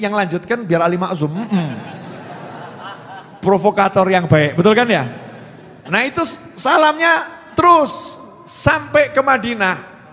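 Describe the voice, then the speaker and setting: High-voiced joking preacher, Javanese accent. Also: male voice, fairly bright tone, slight background noise. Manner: jokey, teasing the audience, mixing in Javanese phrases. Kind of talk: lively sermon with sung salawat. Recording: long hall reverb, faint ambience.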